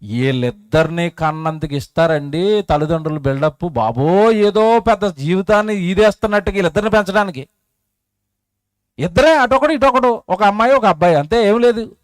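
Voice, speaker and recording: High-voiced emotive man preaching. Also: moderate pace, clean tone, dry recording, clean studio sound. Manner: emotive, rhetorical questions to the crowd, swings loud and soft. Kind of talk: sermon at an outdoor public meeting. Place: public meeting.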